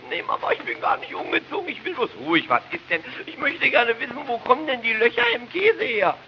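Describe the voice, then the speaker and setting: A man's voice: expressive, normal speed. A man voicing a whiny, curious little boy who keeps pestering at the dinner table. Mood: whining. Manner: whining, pestering, shrill. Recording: dull noisy old record.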